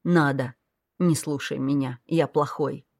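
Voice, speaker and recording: A woman's voice: very deep voice, steady tone, a little slow, a little mellow, no room sound, full character voice. A woman voicing a weary, wry young man speaking to a child in an audiobook, in a dry, matter-of-fact manner. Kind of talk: audiobook character voice.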